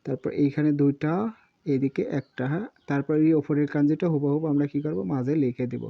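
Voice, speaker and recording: Man slowly teaching kanji, dull lo-fi sound. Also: on the high side, steady tone, gravelly. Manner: repeats words slowly, spells out syllables, often says sorry. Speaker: Japanese teacher. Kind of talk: kanji lesson while writing on a board.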